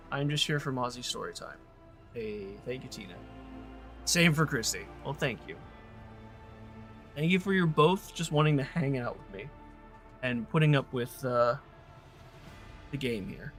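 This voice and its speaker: A male game streamer chats casually, rambling and thinking aloud with plenty of fillers. His pitch is middling but moves around a lot. Faint music plays in the background. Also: animated, moderate pace, long pauses, a bit bright. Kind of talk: casual gaming stream chat.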